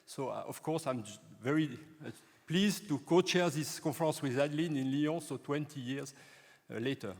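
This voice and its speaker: Man, halting welcome. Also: on the high side. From France. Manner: halting, with repeated words. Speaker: conference co-chair, professor. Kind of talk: formal welcome speech. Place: large conference hall. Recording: reverberant conference hall.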